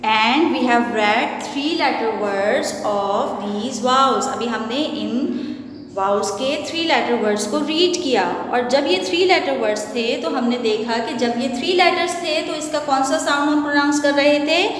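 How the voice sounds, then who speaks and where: A woman teaching an English phonics lesson, speaking slowly and patiently, mixing Hindi and English and asking questions she then answers herself. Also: high-pitched, slight background noise. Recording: echoey room with long reverb.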